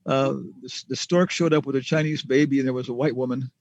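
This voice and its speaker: A man's voice: mid-range voice, fairly even intonation, fairly quick, dry recording. A man answering students' questions in a casual class, rambling with many fillers and chuckles.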